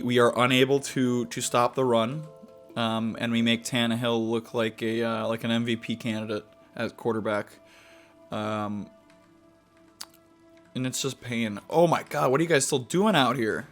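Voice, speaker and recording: Young male gaming host, mid-pitched, meandering chat full of ums and restarts, soft music behind. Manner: rambling, halting, many fillers and restarts. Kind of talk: casual gameplay commentary.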